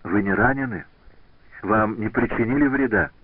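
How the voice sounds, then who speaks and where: A man's voice: fairly low pitch, moderate pace, no echo, natural voice. A man playing a shy anxious young woman. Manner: hesitant, pleading. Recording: tinny dry lo-fi radio recording.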